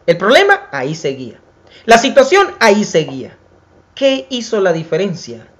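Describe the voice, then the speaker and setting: In this sermon, a man who is both preacher and program host addresses the audience as brothers, swinging between loud, emphatic declarations and quiet, stretched-out near-whispers. His high voice swoops wildly in pitch as he piles up long repeated lists.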